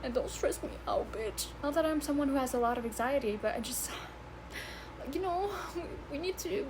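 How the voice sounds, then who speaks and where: A high-voiced woman in her twenties speaks at a normal pace over background noise. It's a casual, rambling vlog in which she laughs, swears, and stumbles, working in English, her third language rather than her first.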